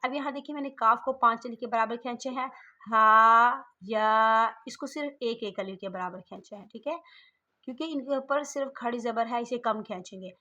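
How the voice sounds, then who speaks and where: Female religious teacher, bright, slightly high voice; patient, slow demonstrations of letter sounds. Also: lo-fi sound. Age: middle-aged. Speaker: online Quran reading teacher. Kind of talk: slow step-by-step recitation lesson.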